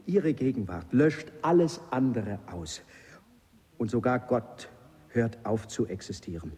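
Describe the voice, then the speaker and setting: An actor playing an overwrought, lovesick suitor with a cold, gushing and faltering in a very husky voice. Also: male voice, medium pitch, expressive, measured pace, mellow, in a large hall. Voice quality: very husky, raspy. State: has a cold.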